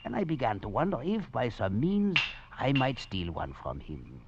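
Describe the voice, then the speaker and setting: The escaped convict in this 1940s radio play is voiced by an actor with a medium pitch that swoops wildly, a creaky quality, and a moderate pace, amid heavy background noise. Wry and chuckling, the cunning character narrates his tale with theatrical flair on a dull old recording with faint music.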